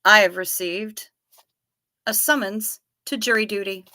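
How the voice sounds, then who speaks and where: Here a fifties-aged livestream host from around Niagara Falls reads out viewer comments and responds to each person by name in a playful, casual way. She speaks unhurriedly in a mid-range voice with a sharp tone, captured in a dry recording.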